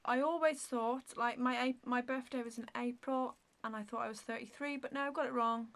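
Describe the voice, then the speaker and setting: A woman in her thirties talks straight to the camera in a relaxed Q&A vlog, her voice sitting a little high. She rambles through viewer questions with plenty of ums and likes. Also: a little fast. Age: 30s. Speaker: beauty vlogger. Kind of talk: casual Q&A vlog.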